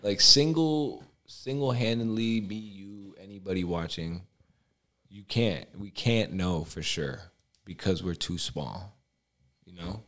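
A man's voice: deep voice, measured pace. A young man from Albania in casual chat, rambling with lots of fillers and swearing.

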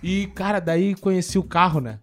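A man telling stories in a relaxed podcast chat, slangy and often laughing. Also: high-pitched, normal speed. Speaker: podcast co-host. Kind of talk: casual chat.

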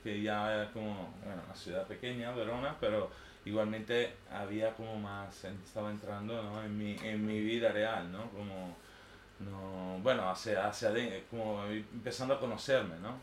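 In a voice on the low side, with fairly even intonation and a moderate pace, an artist in his thirties from northern Italy gives an unscripted, informal personal talk in his Italian accent. He rambles, hesitates, and keeps checking that listeners agree. The room is echoey, backed by a faint layer of noise.

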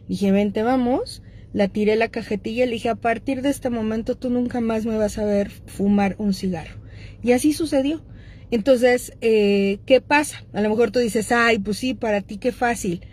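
A woman's voice: fairly high pitch, darkish tone. A middle-aged woman with a Mexican accent, hosting and speaking casually and directly to her audience about addictions, with frequent fillers. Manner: conversational, addresses listeners directly, frequent fillers.

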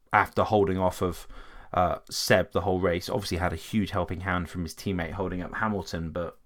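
A man giving casual, opinionated commentary on racing drivers, talking conversationally with frequent restarts. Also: deep voice. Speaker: motorsport commentator.

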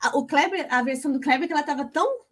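Woman, high voice, chatty, emotional, casual. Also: racing. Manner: chatty and emotional, addresses listeners as gente. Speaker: co-host. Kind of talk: casual Bible talk with personal story.

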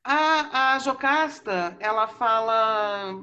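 A woman's voice: a little high, expressive, very slow, bright, forceful tone, muffled recording. A woman podcast host casually retelling a story, chatty with frequent fillers. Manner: chatty, many fillers like né and tal.

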